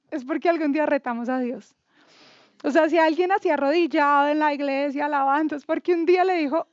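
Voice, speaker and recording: A woman's voice: high-pitched, darkish tone, no room sound, lo-fi sound. A woman in her thirties from Bogotá, Colombia, with a Bogotá accent, telling her faith testimony in a candid, chatty, self-mocking way and acting out quoted dialogue. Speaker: testimony speaker. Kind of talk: casual spoken testimony.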